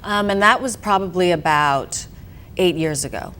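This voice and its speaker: A director and actress from Hong Kong, appearing as a guest, answers interview questions chattily with lots of fillers like "you know" and "um". Her voice is lowish and a bit bright, at normal speed.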